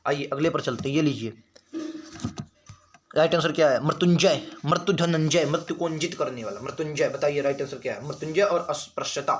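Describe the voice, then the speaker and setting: A man teaching an exam spelling lesson, who goes through each question, repeats words slowly and keeps checking with the class. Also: fairly high pitch, breathy edge. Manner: repeats words slowly and drills answers with "ठीक है"; addresses students as friends, occasionally apologizes.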